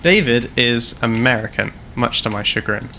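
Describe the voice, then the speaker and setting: A Canadian man in his twenties with a British accent streams a game, chatting with and teasing his teammate and laughing often. His mid-range voice is animated and sharp at a normal speed, with slight background noise, as the streamer host keeps the casual gaming banter playful.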